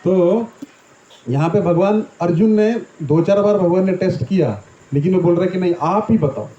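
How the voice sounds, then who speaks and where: Mellow-voiced man giving a scripture talk. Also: sits high, normal speed. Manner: explains with homely examples, often asks "right?". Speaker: Gita teacher. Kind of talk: Hindi scripture discourse. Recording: echoey room, dull lo-fi sound.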